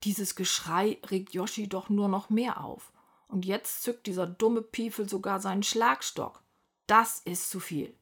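A woman narrating a children's story aloud, lively and expressive. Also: mid-range voice, measured pace, breathy edge.

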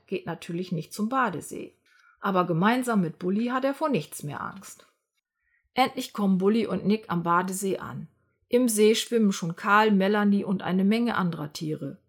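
A woman narrating a children's story aloud in a lively, expressive way. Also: mid-range voice, slightly rough.

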